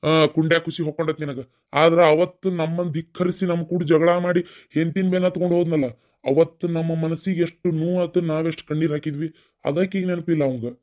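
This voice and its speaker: A man's voice: on the high side, fairly even intonation, quick pace, darkish tone, close to an everyday voice. A man voicing a stern, reproachful older village father in a cartoon story, with a North Karnataka accent. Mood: bitter. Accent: North Karnataka Kannada. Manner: reproachful, scolding.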